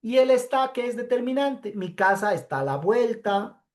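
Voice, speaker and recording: A woman's voice: a little high, lively intonation. A woman teacher giving a pre-recorded class lecture, explaining step by step and checking in with her students as she goes. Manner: slow, explanatory, frequent checking "¿sí?".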